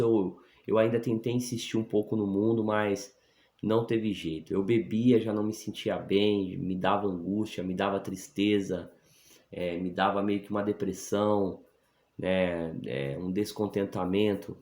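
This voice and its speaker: Deep-voiced pastor giving earnest testimony. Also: male voice, a little mellow. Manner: earnest, emphatic, often adds "né?" for assent. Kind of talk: personal conversion testimony. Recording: echoey room.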